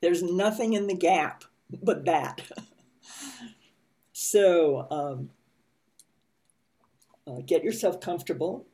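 A woman leading a spiritual study group, gently reading and teaching with pauses and soft fillers. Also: lowish voice. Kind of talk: slow meditative reading and teaching.

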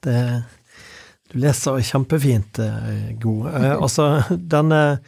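A man interviewing a poet in halting, casual speech with many restarts. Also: medium pitch, gravelly, darkish tone, husky, no room sound, studio quality. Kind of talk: hesitant conversational interview.

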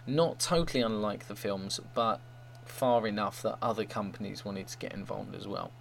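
A man's voice: on the low side, normal speed, gravelly. A man hosting a fan show, giving an informal review and report. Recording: faint hum and noise.

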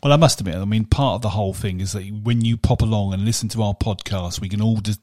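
A man's voice: lowish voice, fast, darkish tone, no room sound. A man in his fifties co-hosting a podcast, chatting in a rambling, jokey way with many restarts. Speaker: podcast co-host. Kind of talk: casual chat.

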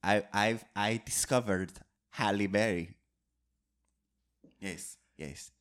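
A man playing a self-important, fake French film director in an improvised comedy bit, talking in halting, repetitive, deadpan boasts. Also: medium pitch, close to an everyday voice. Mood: deadpan boastful. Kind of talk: improvised comedy role-play.

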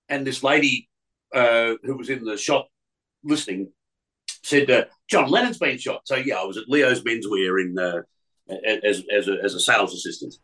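Australian radio veteran in his fifties, bright, chatty storyteller. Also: mid-range voice, poor audio. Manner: chatty storyteller, slips into impressions, frequent restarts. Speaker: radio announcer and voice artist. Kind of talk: casual anecdotal interview.

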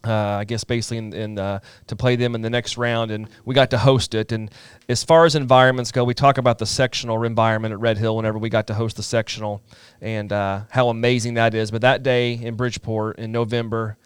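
A man co-hosting a casual sports talk, recalling things in a rambling, halting way. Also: medium pitch, level tone, clear, resonant tone, no echo. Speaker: podcast co-host.

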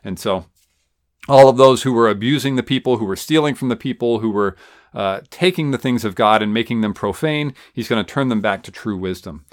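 Male pastor, mid-pitched voice, conversational expository sermon delivery. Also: brisk. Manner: conversational teaching with restarts and asides.

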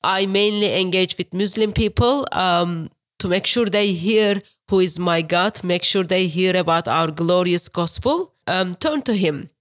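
A woman from Turkey with a Turkish accent, Turkish her first language, telling her story as a guest over a video call in an earnest, measured way. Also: on the low side. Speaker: guest, street preacher. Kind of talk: interview, personal account.

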